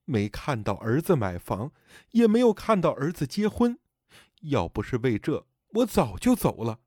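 A man voicing the grieving spirit of a dead elderly mother, speaking softly and sorrowfully. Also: a little high, big pitch swings, unhurried, no echo, studio quality. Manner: soft, sorrowful pleading.

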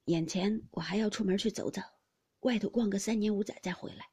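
A woman voicing a proud, aloof young male swordsman with a blunt, cool manner, louder than her narration. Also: medium pitch, fairly quick, breathy edge, natural voice.

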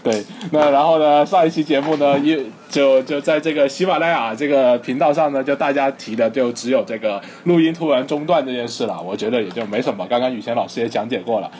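Fast-talking man with a Cantonese accent. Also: mid-range voice, darkish tone. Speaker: podcast co-host reading listener comments. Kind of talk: casual banter chat.

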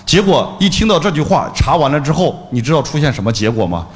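A middle-aged man giving a lively business lecture, telling anecdotes bluntly and acting out the dialogue. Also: on the high side, quick pace. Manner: animated storyteller acting out dialogue; blunt colloquial speech. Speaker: business trainer. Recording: long hall reverb.

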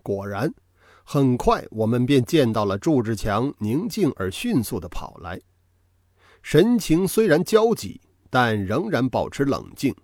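An audiobook narrator, a man, reads a novel aloud as scripted storytelling, delivering it with dramatic, expressive flair. His pitch rises and drops widely as the tension builds and eases. The recording is close and dry, without any room echo.

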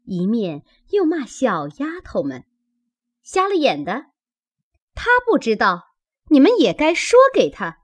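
A woman voicing a quick-tempered young maid who scolds rapidly in a high, shrill voice. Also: sing-song, a little mellow, breathy edge, exaggerated voice. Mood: scolding.

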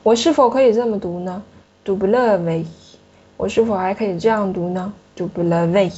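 A woman teaching French pronunciation in a classroom, her voice a little husky and breathy. She keeps asking her student questions and patiently walks through each sound. The recording is dull and lo-fi. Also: medium pitch, quick pace, a little mellow.

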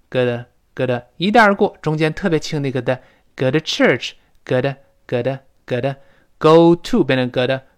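A man teaching English pronunciation, explaining in Chinese and repeating words slowly for drill. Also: fairly high pitch. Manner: emphatic, explanatory.

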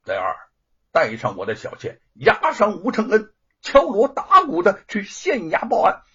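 Brief: man voicing a gloating, cold-sneering villainous master, husky, dull recording. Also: sits high, huge pitch swings, measured pace, pitched above the performer's own voice, exaggerated voice. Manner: cold sneering taunts, loud accusations. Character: sly scheming rich old master, gloating.

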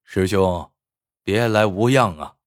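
A man's voice: on the low side, slow pace, no echo, clean studio sound, voice pushed down. A man voicing an arrogant, scheming court official who speaks in a cold, sneering way.

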